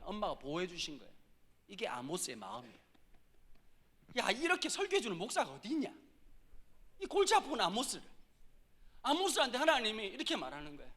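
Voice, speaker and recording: A middle-aged man preaching a sermon as a pastor, telling humorous stories and breaking into loud shouted impressions. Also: high-pitched.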